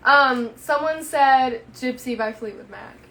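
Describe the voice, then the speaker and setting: A woman's voice: high-pitched, unhurried, vocal fry, a crowd in the background, low-quality recording. A woman co-hosting a casual livestream chat, mostly giving short, agreeable replies and laughing along. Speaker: co-host.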